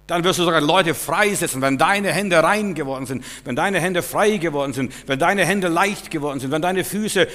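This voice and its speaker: A man preaching a sermon, swinging between loud exclamations and low, quiet asides. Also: moderate pace, hardly any pauses. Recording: long hall reverb.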